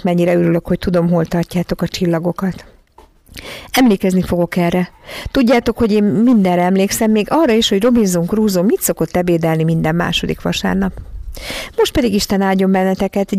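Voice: mid-range voice, warm tone, no echo, natural voice. A narrator voicing a tiny, ancient, nosy old woman in an audiobook, with a sly, fussy, half-whispered manner. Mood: cheerful. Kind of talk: audiobook character voice.

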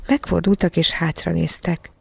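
An audiobook narrator reads a children's story in an even, measured way. The voice has a gravelly fry at mid pitch, and the recording is close and dry with no room sound. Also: no room sound.

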